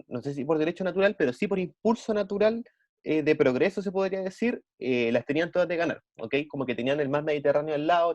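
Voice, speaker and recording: A man's voice: a little high, mellow, dry recording. A young man with a Chilean Spanish accent teaching an online class, explaining step by step and checking with students as he goes. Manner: hesitant, many fillers and restarts. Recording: dry, dull lo-fi audio.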